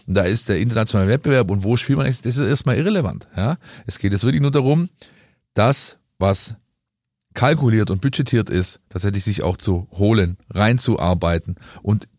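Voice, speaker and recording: A man with a lowish voice holds forth in an opinionated podcast monologue, pressing his points with lecturing emphasis. He, and the close, dry recording leaves no room sound. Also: moderate pace, darkish tone, no echo. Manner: emphatic, lecturing, rhetorical "ja?" tags. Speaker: football podcast pundit.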